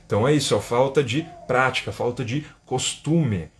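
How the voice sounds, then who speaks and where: A man's voice: medium pitch, moderate pace, a little hiss or hum. A Brazilian man with a Brazilian Portuguese accent, an English teacher giving a live-stream lesson and reading viewer comments, tagging his sentences with a questioning "né?". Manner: chatty, keeps asking "né?", reads viewer comments aloud. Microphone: phone or webcam for an Instagram live.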